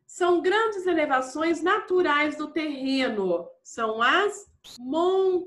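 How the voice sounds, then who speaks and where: A woman's voice: high-pitched, lively intonation, slow, fairly bright tone, roomy sound. A woman teaching a primary school class, patiently walking through exercises and often checking in with the children. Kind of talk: classroom lesson walkthrough.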